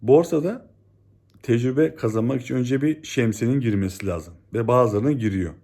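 A man giving a scolding, exasperated monologue as a stock market commentator, swinging between loud outbursts and low, stern warnings. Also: moderate pace. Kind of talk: ranting video monologue.

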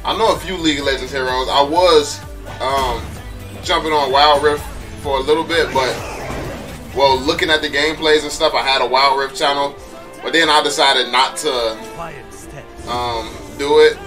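Reacting to a mobile game, this young YouTuber talks into a headset in a relaxed, slangy way, his voice congested. The pitch is medium and the intonation fairly even, at normal speed. Game audio and music run underneath, and he's slightly off-mic and recorded from a distance.

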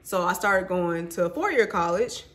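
With a lowish, fairly bright voice, this woman sounds animated while talking at a normal speed. A Mississippi vlogger in her twenties, she tells her personal story to viewers openly and emotionally, sprinkling in y'all and honey.

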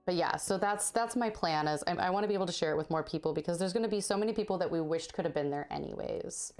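A cross-stitch livestreamer in her thirties chats casually while stitching in her home craft room, reading and answering chat and laughing often. Her voice is on the low side and darkish, she talks fast, and her throat sounds slightly sore, with soft music playing in the background.

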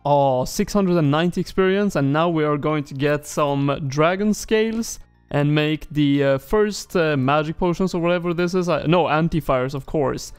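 A male gaming YouTuber talks through his own gameplay, chatty and explaining as he goes. His voice is smooth and slightly high, with faint music in the background. He sounds like he just woke up. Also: no room sound. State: morning voice. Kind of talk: casual game commentary.

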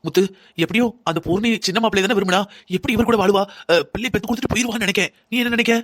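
A woman's voice: medium pitch, racing, a bit bright, natural voice. Woman voicing an anxious, pleading older mother-in-law. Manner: pleading, lamenting and scolding. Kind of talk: cartoon drama voice acting.

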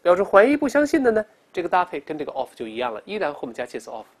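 Animated teacher teaching English words. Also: male voice, sits high. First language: Chinese. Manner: animated, drills students to read aloud, slows down for English examples. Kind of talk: vocabulary lesson.

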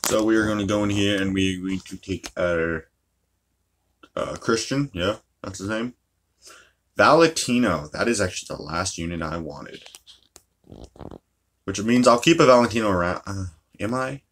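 A man with a somewhat low voice talks loosely through his game session, cursing freely and griping about his luck. It is relaxed commentary with a faint hiss in the background. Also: normal speed, pauses often. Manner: chatty, swears freely, ranting. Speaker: mobile game player. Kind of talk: casual gameplay commentary.

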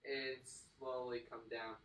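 An out-of-breath man leads a kids' exercise class and coaches each move. He sounds roomy and somewhat distant from the microphone, with a mid-range pitch. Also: measured pace, highs cut off, slight background noise. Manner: energetic hype shouting during sets, calmer during stretches. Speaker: fitness instructor. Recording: echoey room, mic at a distance.

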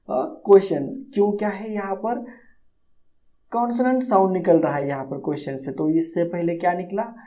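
Guy teaching grammar, soft mellow voice, keeps asking if u got it. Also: high-pitched. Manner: explains slowly, often checks if students understand. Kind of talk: classroom lecture on English grammar.

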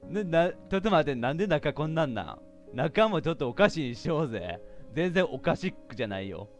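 Lively male game streamer. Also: fairly high pitch, fast, faint music behind. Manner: chatty, jokey, reacts out loud to himself. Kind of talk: casual game commentary.

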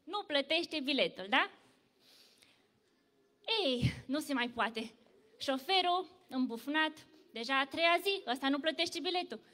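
A woman telling a story to children at church, lively and full of questions for the kids. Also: high voice, pauses often, big-room sound. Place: church hall.

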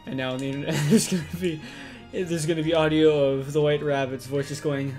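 A man's voice: fairly high pitch, fairly even intonation, brisk, darkish tone, soft background music. A young man chatting casually and sarcastically as co-host of a gaming session. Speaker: let's play co-host.

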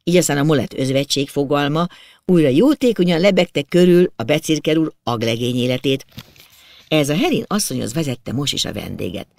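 A man reading a novel aloud as an audiobook narrator, in steady storytelling narration. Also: fairly high pitch, gravelly, dry recording. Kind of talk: scripted literary narration.

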